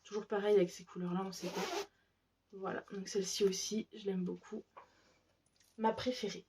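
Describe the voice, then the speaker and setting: A woman's voice: medium pitch, level tone, normal speed, darkish tone, a little hiss or hum. A woman chatting casually and enthusiastically as a craft vlogger, showing her handmade pouches, with lots of fillers. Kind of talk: casual show-and-tell.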